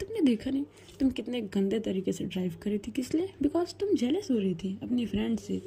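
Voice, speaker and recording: A woman's voice: on the high side, animated, fairly quick, gravelly, dark tone, slight background noise. A woman voicing a hurt young female professor who scolds with emotion. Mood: reproachful. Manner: reproachful, emotional.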